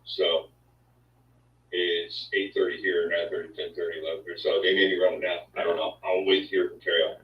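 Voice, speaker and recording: A man's voice: low-pitched, little pitch movement, a little fast, a little hiss or hum. A man hosting a casual chat, talking in an easygoing, rambling way. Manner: easygoing, rambling, sound effects. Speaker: host. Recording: echoey, distant, dull sound.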